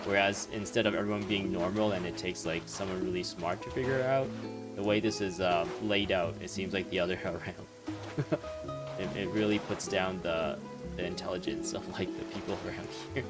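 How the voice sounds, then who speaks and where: This let's play commentator has a low-sitting voice, fairly even intonation and a fairly quick pace. He rambles casually and wryly, amused and chuckling as he muses, while video game music and dialogue play in the background.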